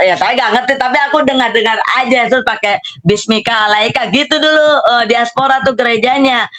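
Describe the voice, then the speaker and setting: A woman's voice: fairly high pitch, fairly bright tone. A middle-aged woman, animatedly telling her own story in a casual spoken testimony and acting out the dialogue. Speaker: testimony speaker.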